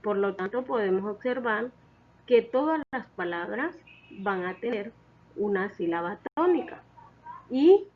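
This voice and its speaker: A woman's voice: medium pitch, lively intonation, measured pace, phone-quality sound. A woman teaching a lesson, explaining step by step and patiently repeating key points.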